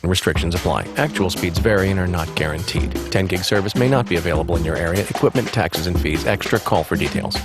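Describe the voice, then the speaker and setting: Deep male voice, quick legal disclaimer for an ad, music behind, rattled off. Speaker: advert disclaimer announcer.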